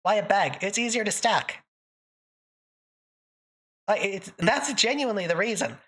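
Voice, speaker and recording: Speaking a little slowly, a woman from northern Canada uses a medium-pitched, slightly bright voice with lively intonation. She hosts a livestream, chatting casually and answering viewers, joking and laughing often. Her thick accent sounds put-on.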